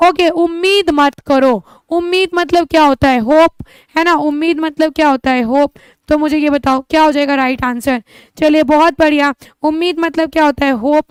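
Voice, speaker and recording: A high-pitched woman speaks at normal speed with fairly even intonation, recorded dry. She is leading an online English-speaking lesson, addressing her students as children, encouraging them, and repeatedly answering her own questions.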